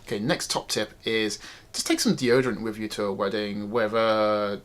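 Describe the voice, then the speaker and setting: A man's voice: lowish voice, normal speed. A man, a wedding photographer, giving casual, emphatic advice to viewers in a chatty vlog. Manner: chatty, emphatic, repeats phrases.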